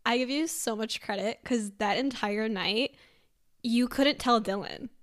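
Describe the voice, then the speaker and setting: A young woman with a slightly high voice co-hosts a casual podcast chat. She is excitable, laughs in quick bursts, and keeps replaying what others said. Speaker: podcast co-host.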